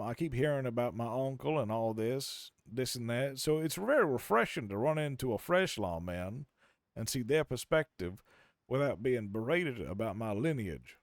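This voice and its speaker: A man's voice: medium pitch, no room sound, studio quality, natural voice. A man role-playing a reflective Californian drifter in the Old West, with an American accent and a folksy, theatrical way of repeating himself for emphasis. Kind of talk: improvised Western role-play.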